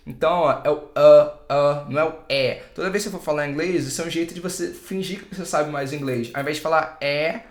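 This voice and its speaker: Brazilian teacher in a roomy space. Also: male voice, a little high. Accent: Brazilian Portuguese. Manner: relaxed, repeats and demonstrates words slowly. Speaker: English teacher. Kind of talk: casual spoken English lesson. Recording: roomy echo.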